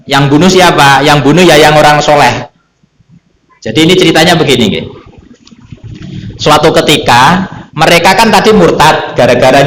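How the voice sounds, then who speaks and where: A man's voice: a little high, a bit bright, slight background noise. A man with a Javanese accent teaching Quranic exegesis at an evening mosque study session, telling stories and acting out pleas. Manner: storytelling, shifts between Indonesian and Javanese, acts out characters' pleas. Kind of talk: mosque sermon. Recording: echoey mosque with faint ambience.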